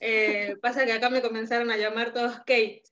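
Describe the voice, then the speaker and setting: A woman's voice: a little high, little pitch movement, moderate pace, a bit bright, lo-fi sound. A young Peruvian woman with a Peruvian Spanish accent, chatting as an interview guest, hesitant with many fillers and restarts. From Peru. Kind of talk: casual interview chat. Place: at home.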